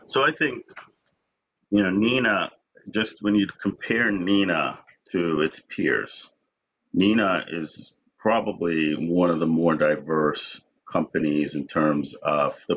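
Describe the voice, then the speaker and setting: Deep-voiced man, reflective interview guest. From Jamaica. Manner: reflective, repeats words when starting. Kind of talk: conversational interview. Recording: dull lo-fi sound.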